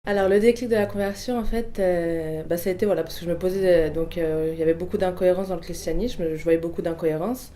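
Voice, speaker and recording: Her voice is on the low side and dark, steady in tone, and she speaks quickly with few pauses. A woman in her twenties with Portuguese family roots, she offers a hesitant personal testimony to prompts, full of fillers and restarts.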